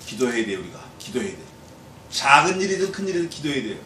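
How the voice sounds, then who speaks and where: A male pastor giving a Bible exposition sermon in a lively way, acting out quoted voices and putting questions to the congregation. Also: mid-range voice, quick pace. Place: church hall. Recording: echoey church hall, distant mic, faint noise.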